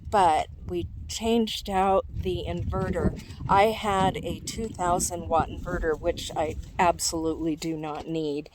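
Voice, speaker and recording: An older woman chatting casually on a vlog, short of breath in thin high-altitude air and halting as she searches for words. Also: fairly even intonation, background noise. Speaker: vlogger. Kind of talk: casual rambling vlog chat.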